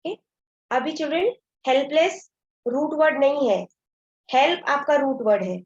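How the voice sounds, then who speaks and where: Woman, grammar teacher, high voice, code-switches to Hindi, dull lo-fi recording. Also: expressive, normal speed. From India. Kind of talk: classroom lesson explaining grammar.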